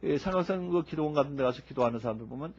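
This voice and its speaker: A man preaching a sermon in a lively, humorous way, acting out people who shout as they pray. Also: fairly high pitch, rapid-fire. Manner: animated, humorous, acts out shouting worshippers. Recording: dull lo-fi recording.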